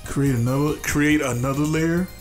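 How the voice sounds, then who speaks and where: A nasal, congested adult man, a father, hosts a casual drawing tutorial with faint music playing behind him. His voice sits on the high side, steady in tone and moderate in pace. He talks loosely and repetitively, restarting phrases and using many fillers.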